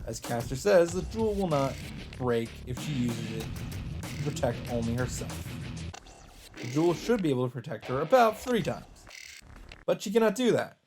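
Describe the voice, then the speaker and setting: A let's player reads visual novel narration aloud in a scripted storytelling style, with game music playing behind him. His mid-range voice has a sing-song lilt at a normal speed.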